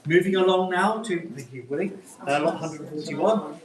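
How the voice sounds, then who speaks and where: A man's voice: on the high side, moderate pace, slight background noise. Echoey, distant male auctioneer calling bids. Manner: repetitive patter of numbers, polite. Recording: echoey room, picked up from afar.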